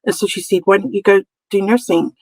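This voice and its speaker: A woman's voice: mid-range voice, fairly quick, darkish tone, no echo, rough recording. A middle-aged woman with a Samoan New Zealand accent, chatting informally and giggly as she tells her story as an interview guest. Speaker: podcast guest, community nurse. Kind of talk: casual conversational storytelling.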